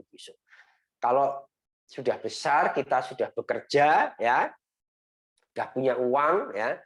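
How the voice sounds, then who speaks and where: A man teaching young children in Sunday school over a video call, gentle and repetitive, often ending phrases with a coaxing "ya". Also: mid-range voice.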